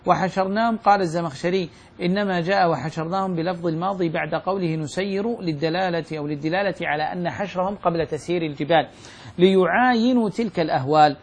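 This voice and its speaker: A man reading a classical religious commentary aloud in a class, moving quickly through the text and slowing down to quote verses. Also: high-pitched, breathy edge.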